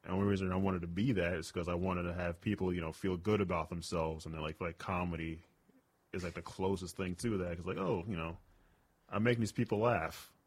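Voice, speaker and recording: Talking fairly quickly in a steady tone, a male stand-up comedian rambles through a casual interview as the guest. His voice booms, and his speech is full of "like" and "you know."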